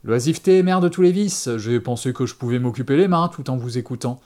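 A man voicing a calm, coldly vengeful man who taunts his captive in a mocking, unhurried way. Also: mid-range voice, close to an everyday voice. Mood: taunting.

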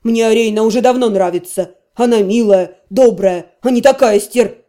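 A woman's voice: a little high, normal speed, pitched below the performer's own voice, natural voice. A woman voicing a raging blond male mage. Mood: defiant. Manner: shouting accusations, gruff. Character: furious blond male mage, hot-tempered.

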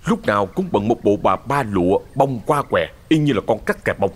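Brief: male ghost-story narrator, husky, animated delivery. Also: on the low side, fairly quick. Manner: expressive storyteller.

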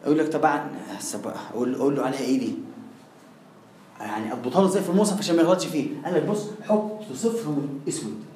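A man with an Egyptian accent teaching Quran recitation rules in a lively way, talking straight to his students and demonstrating sounds. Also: a little high, rapid-fire, reverberant, slight background noise, low-quality recording. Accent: Egyptian Arabic. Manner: lively, addresses the listener directly, demonstrates sounds. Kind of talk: classroom lecture.

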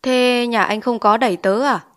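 Reading an audiobook, a woman takes on the role of a strict male village schoolteacher, scolding through pointed questions. Her voice is a little high and near her everyday sound, with a steady tone and moderate pace.

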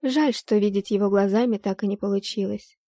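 A woman tells a first-person fantasy tale in an expressive, steady storytelling voice. Her pitch sits in the middle range. The recording is dry and close, with no room sound. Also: fairly quick, no room sound. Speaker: audiobook narrator.

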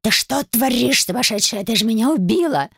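A woman's voice: on the high side, expressive, brisk, vocal fry, slightly rough, no room sound, clean studio sound, pitched above the performer's own voice, exaggerated voice. A woman voicing a cranky old talking door handle with a wolf's head, whiny and indignant, in an audiobook. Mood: shrieking. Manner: whiny, indignant, shouting and bargaining. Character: cranky ancient talking door handle, wolf-headed, male. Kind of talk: audiobook character voice.

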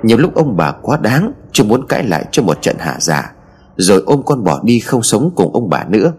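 A man narrating a scripted story in an expressive storytelling manner. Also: on the low side, moderate pace, slight background noise.

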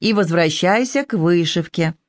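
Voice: medium pitch, animated, normal speed, no room sound, lightly acted. Storybook mother, middle-aged, firm and dismissive, put on by the reader, dry. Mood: stern. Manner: firm, scolding.

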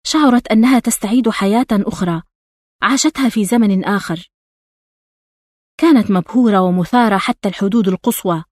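A woman reading a novel aloud as an audiobook narrator, in a measured, intimate storytelling manner. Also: mid-range voice, a little mellow, no room sound, clean studio sound.

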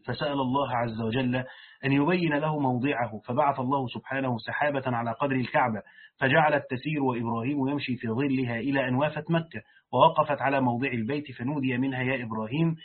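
A man reading a Quran commentary aloud and pausing to explain it in plain colloquial speech, like a sheikh teaching a lesson. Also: mid-range voice, slightly rough. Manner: reads the text aloud, then breaks off to explain it in colloquial speech. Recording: tinny phone-like lo-fi recording.

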